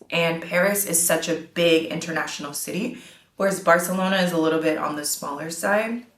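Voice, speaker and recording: A low-pitched woman in her thirties speaks straight to her viewers, earnest and encouraging, stressing the words that matter. Her voice rings in a roomy, echoing space. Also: a bit bright. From United States. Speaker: vlogger. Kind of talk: casual talk to camera.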